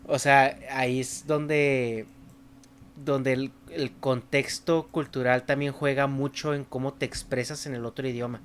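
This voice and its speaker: A man talking casually on a podcast, relaxed and joking. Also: mid-range voice, measured pace, slight background noise. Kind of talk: casual chat.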